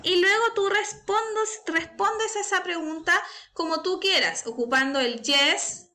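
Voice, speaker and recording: A woman's voice: very high voice, measured pace, sharp tone. A woman teaching an online primary school English class, explaining step by step and patiently checking that pupils follow. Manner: patient, step-by-step, frequent "¿cierto?" and "¿ya?".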